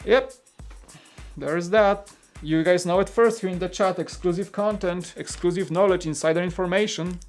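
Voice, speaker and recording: A man from Poland, speaking with a Polish accent in a high voice at a moderate pace, hosts a casual live stream where he reads out viewer comments. He rambles comfortably with plenty of fillers and restarts as faint music plays behind him.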